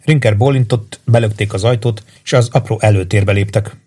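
A man reading an audiobook in an even, measured way. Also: lowish voice, breathy edge. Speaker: audiobook narrator. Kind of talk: scripted narration.

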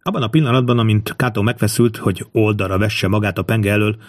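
A man reading an audiobook in a steady, measured storytelling voice. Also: lowish voice, dry recording. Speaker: audiobook narrator. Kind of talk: scripted audiobook narration.

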